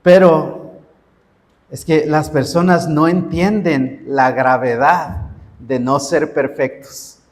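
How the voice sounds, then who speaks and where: High-voiced pastor preaching in a reverberant hall. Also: male voice, fairly even intonation, slow pace. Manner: preaching with rising, emphatic repeated cries. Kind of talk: sermon.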